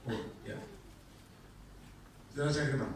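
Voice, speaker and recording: A male evangelist, preaching an animated sermon that swings into loud shouted peaks and acted-out scenes. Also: medium pitch, normal speed, slight background noise. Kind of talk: lively church sermon. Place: large church hall. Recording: echoey hall, distant mic.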